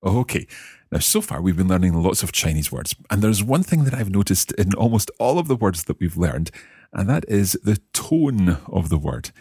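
A man's voice: low voice, sing-song, moderate pace, dark tone, slightly rough, no echo, clean studio sound. A man hosting a language lesson as the learner, asking curious questions and carefully repeating words after his teacher. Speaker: host and learner.

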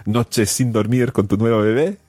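A man's voice: medium pitch, moderate pace, a little mellow, no room sound. A man hosting a podcast in a casual chat, asking short follow-up questions. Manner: asks short follow-up questions, uses fillers. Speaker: podcast host.

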